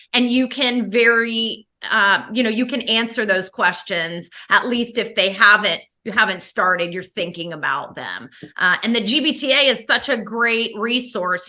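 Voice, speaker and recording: A woman's voice: on the high side, sharp tone. A woman giving conversational, emphatic answers as an expert interview guest.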